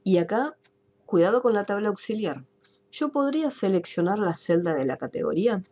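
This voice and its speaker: Online class teacher, woman, mellow husky voice, patient step-by-step explainer. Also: mid-range voice, expressive, moderate pace. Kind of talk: online spreadsheet lesson. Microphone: computer mic on a video call.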